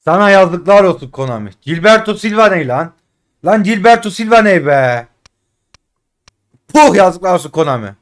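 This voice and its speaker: High-voiced man pleading over game packs. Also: expressive, moderate pace, long pauses. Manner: frustrated pleading and grumbling, swings between loud and muttered. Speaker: gaming streamer. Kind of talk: casual live commentary while opening game packs.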